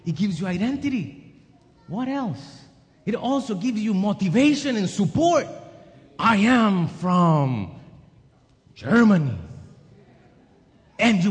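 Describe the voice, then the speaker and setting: A man's voice: sits high, sing-song, slow, long pauses. A man preaching a sermon with an emphatic, rising and falling cadence. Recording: long hall reverb.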